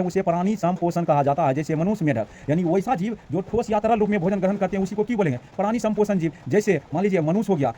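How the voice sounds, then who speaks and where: A man's voice: high-pitched, warm tone, a little hiss or hum. A young man teaching a lesson casually, repeating points, asking and answering his own questions. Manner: reads English very slowly and haltingly. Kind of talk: casual Hindi lecture with slow English read-aloud.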